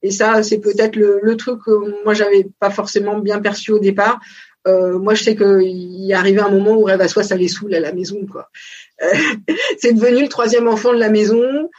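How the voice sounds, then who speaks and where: A woman's voice: medium pitch, steady tone, normal speed, darkish tone. A woman in her forties, a business founder, talking through her experience in a casual interview, thoughtful and hesitant with many fillers. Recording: dull lo-fi sound.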